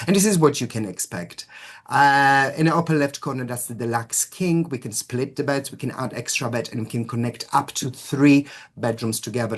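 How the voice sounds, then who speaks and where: Upbeat man on a video call. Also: mid-range voice. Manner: upbeat, heavy on glowing adjectives. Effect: video call audio, breaking up at times. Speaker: hotel sales presenter. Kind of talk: webinar sales presentation. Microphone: computer mic on a video call.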